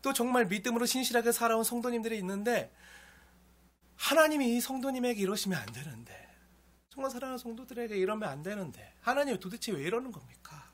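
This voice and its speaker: A man preaching a sermon as pastor, moving between loud pleading and hushed, near-whispered lines. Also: very high-pitched, expressive, fast.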